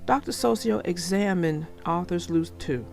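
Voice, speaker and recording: A woman's voice: on the low side, normal speed, gravelly, darkish tone, soft background music. A woman reading aloud for children as a storyteller, chatting directly to her young listeners in a conversational way.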